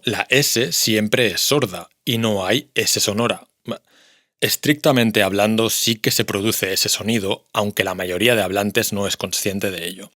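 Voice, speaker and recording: A man teaching a scripted pronunciation lesson, measured and pausing to model each word clearly. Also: fairly low pitch, fairly bright tone, dry recording, studio quality. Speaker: language teacher.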